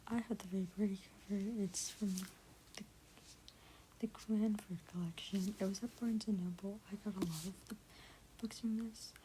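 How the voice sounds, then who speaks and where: A woman reading a classic novel in a soft ASMR whisper, often stumbling over words, correcting herself and breaking off for chatty asides. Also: medium pitch, steady tone, normal speed, noisy background. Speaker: ASMR book reader.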